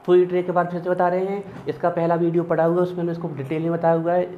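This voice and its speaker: A man's voice: high-pitched, monotone, fast talker. Man chanting chemistry mnemonics. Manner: chanting lists of elements in rhythmic mnemonics. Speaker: chemistry teacher. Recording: dull lo-fi sound with faint background noise.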